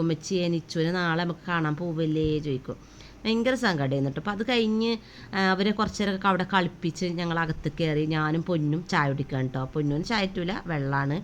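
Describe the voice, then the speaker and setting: Speaking low for a woman, a young vlogging mom walks through her day-in-my-life voice-over at a quick clip, homely and chatty with lots of tag words. Slight background noise and faint room ambience sit underneath.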